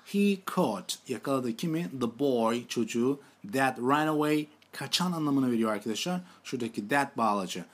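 Guy teaching english verbs, says the examples slow and repeats everything, middle-pitched voice. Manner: slow, deliberate model sentences in English, repeats each form. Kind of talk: language lesson, explaining in Turkish.

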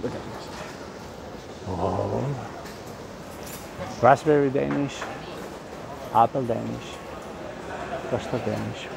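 A middle-aged vlogger from Spain walks through an indoor cafeteria and dining hall, filming on a phone at arm's length. Though chatty, excitable, and heavy on fillers, he speaks slowly in a gravelly, medium-pitched voice with long pauses. The phone audio is noisy.

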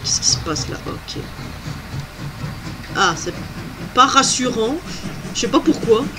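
A woman's voice: on the high side, expressive, takes it slowly, noisy background. A woman doing let's play commentary, chatty and exclamatory, thinking aloud as she plays. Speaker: gamer.

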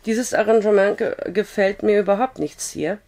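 A woman's voice: medium pitch, normal speed, a little mellow, natural voice. A woman reading a proud young bride. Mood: indignant. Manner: prim, indignant. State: hoarse with a cough. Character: proud young immigrant bride, stubborn and dignified.

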